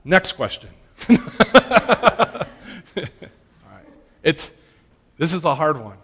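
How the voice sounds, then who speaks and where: A man's voice: on the high side, lively intonation, a little slow, a bit bright, breathy edge. A man giving an earnest sermon that answers questions, often checking in with his listeners. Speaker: pastor. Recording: long hall reverb.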